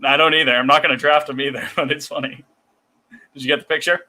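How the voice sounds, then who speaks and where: Bright-voiced man teasing on a podcast. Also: medium pitch, fairly even intonation, fast talker, rough recording. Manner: wry, teasing, laughs at his own jokes. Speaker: podcast co-host. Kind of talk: casual podcast banter.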